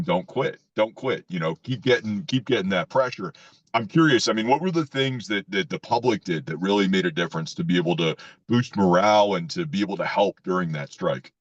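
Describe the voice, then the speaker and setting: A man's voice: sits low, no echo. A man hosting an interview, earnest and prone to restarting his sentences. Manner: earnest, repeats words when starting sentences. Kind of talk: casual interview chat. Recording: dull dry lo-fi call audio.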